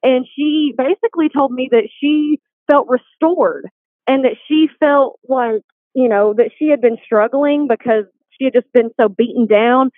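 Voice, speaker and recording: A woman's voice: high-pitched, unhurried, dry recording. A woman telling her faith story in a casual, chatty way, full of "like", as a guest on a call. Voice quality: chatty, heavy use of "like". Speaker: guest, boutique shop worker. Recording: tinny phone line, dry.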